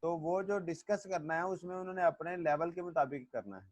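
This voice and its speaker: A male teacher giving a classroom lecture. He reads English definitions slowly, explains them in Hindi-Urdu, calls his students "beta" and checks whether they understood. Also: a little high, dry recording.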